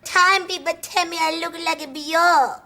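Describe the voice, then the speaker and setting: A woman playing a middle-aged salon worker with a thick put-on foreign accent and halting broken English, in a TV sketch with a studio audience. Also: extremely high pitch, fairly even intonation. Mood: earnest. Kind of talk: TV sketch comedy. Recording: TV clip with studio audience and noise.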